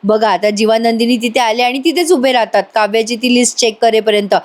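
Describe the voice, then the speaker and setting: Woman, TV serial recap voice-over, chatty, exclamatory, talks to viewers, fairly high voice. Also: steady tone, fairly quick. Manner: chatty, addresses viewers directly, exclaims often. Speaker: TV serial reviewer.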